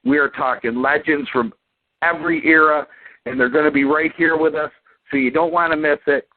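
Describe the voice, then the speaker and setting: A man's voice: fairly high pitch, steady tone, moderate pace. A man co-hosting a wrestling podcast in casual chat, rambling with lots of fillers and folksy asides. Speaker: podcast co-host. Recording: tinny phone-line audio.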